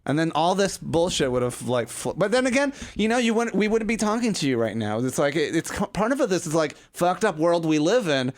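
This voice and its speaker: A man's voice: fairly high pitch, very animated, a little fast, few pauses. A man hosting a podcast in casual chat, blunt and teasing, who swears freely. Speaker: podcast host.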